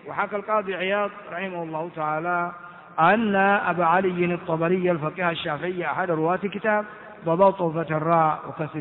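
A man teaching a hadith lesson at a quick clip, in a high voice. He spells out vowel marks and repeats key words. The sound is tinny, like a phone line, with long echo from a large hall. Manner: explains grammar and word forms, spells out vowels, repeats words. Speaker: Islamic scholar teaching hadith commentary.

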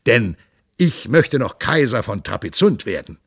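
A man voicing a boastful warlord king who declaims loudly and grandly, with a gravelly voice. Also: mid-range voice, big pitch swings, measured pace, no room sound, clean studio sound, full character voice.

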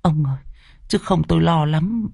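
A man's voice: a little high, normal speed, creaky, darkish tone, slightly rough, no room sound, clean studio sound, pitched above the performer's own voice. A man voicing an anxious middle-aged village mother in a horror story. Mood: worried. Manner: anxious, pleading.

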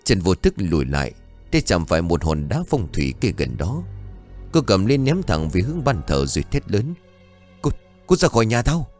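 A man narrating a scripted horror story in a slow, suspenseful reading voice. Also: low-pitched, sing-song, a little mellow. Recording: music bed behind the voice. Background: faint music.

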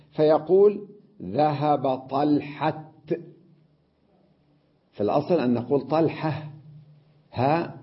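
A man teaching Arabic grammar in a classroom lecture, explaining patiently, repeating key words and reciting verse slowly. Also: mid-range voice. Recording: dull lo-fi lecture recording.

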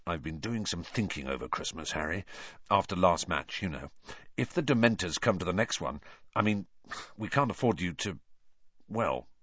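A man voicing an eager young male sports captain who gets urgent and excitable, recorded a little dull and dry. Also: medium pitch, moderate pace, slightly rough, dry recording, pitched above the performer's own voice, exaggerated voice.

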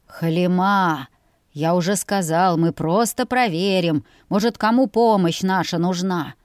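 A woman voicing a calm, heavy-voiced peasant father who speaks slowly and steadily in a storybook. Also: lowish voice, clear, resonant tone, dry recording, clean studio sound, lightly acted. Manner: calm, deliberate.

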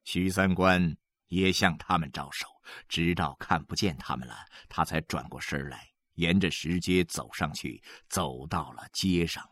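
A man's voice: low-pitched, unhurried, hardly any pauses, fairly bright tone, no room sound, clean studio sound. A man narrating a literary novel as an audiobook, dramatic and emotionally varied, with faint music behind.

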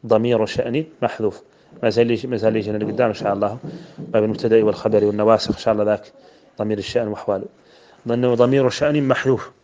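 A man's voice: on the low side, fairly even intonation, rapid-fire, darkish tone, slight background noise. A man from Mauritania, a sheikh teaching grammar, who goes through a poem line by line, repeats word forms and chants the verses he quotes. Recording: dull lo-fi recording.

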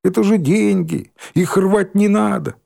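A man voicing a rough, indignant schoolboy who scolds others. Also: high voice, measured pace, dark tone, pitched above the performer's own voice, exaggerated voice.

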